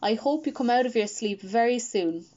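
A woman reading a quiet, careful schoolgirl who speaks softly. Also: a little high, animated, normal speed, muffled recording, natural voice.

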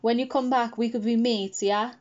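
A woman's voice: on the high side, fairly even intonation, normal speed, a little mellow, muffled recording, lightly acted. A woman reading a former bully schoolboy trying awkwardly to be friendly.

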